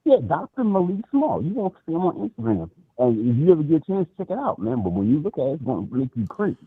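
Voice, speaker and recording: A man calling in to a talk show, his voice muffled as if through a wall, getting excited and stumbling over repeated words. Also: a little high, fast talker, breathy edge, no echo. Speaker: caller. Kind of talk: casual call-in chat. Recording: muffled tinny phone line.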